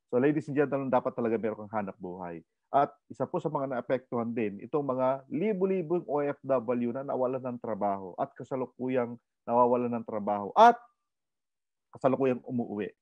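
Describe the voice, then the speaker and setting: Energetic Filipino male seminar presenter, lively delivery, dry and muffled webinar sound. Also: medium pitch, no room sound. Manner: animated, asks the audience questions, code-switches. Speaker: online orientation presenter. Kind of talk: energetic business seminar talk.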